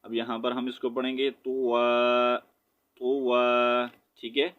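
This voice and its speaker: A man leads a slow, patient recitation lesson, spelling each syllable in an even, level tone before joining them into whole words. His voice is smooth and clear, though the recording sounds dull and lo-fi. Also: mid-range voice. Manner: spells each syllable slowly, then blends the word; explains rules in quick conversational asides. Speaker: Quran teacher. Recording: dull lo-fi audio.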